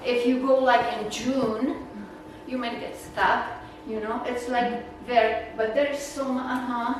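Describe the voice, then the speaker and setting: A woman's voice, a little high and a little slow, with fairly even intonation, carries a casual, rambling slide talk aimed at a naturalist club. She is Czech, from the Czech Republic, with the accent to match, and she chats on with fillers and laughs. In the meeting room the recording picks her up from afar, echoey and noisy.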